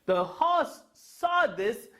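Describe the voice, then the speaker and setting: An animated young male storyteller reading a children's tale. His voice sits high and swoops up and down expressively. He unfolds the story at an unhurried pace. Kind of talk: storytelling for kids.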